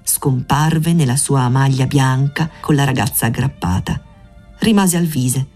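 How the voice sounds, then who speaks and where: A reader narrating a literary story aloud at a measured, even pace. The voice sits at a middling pitch, with faint music playing softly underneath. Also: slightly rough.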